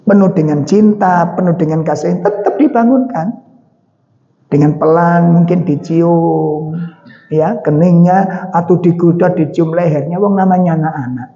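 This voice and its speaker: A man's voice: fairly high pitch, measured pace, warm tone. A man with a Javanese accent preaching in a mosque, telling stories and asking the audience questions. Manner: chatty storytelling with questions to the audience. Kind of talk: mosque sermon. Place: mosque hall. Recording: dull sound with long hall reverb.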